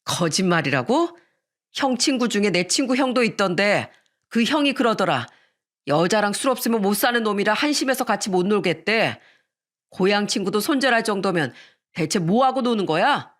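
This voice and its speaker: A woman's voice: medium pitch, lively intonation, normal speed, close to an everyday voice. A woman voicing a fed-up grown son in a story narration, firm and exasperated.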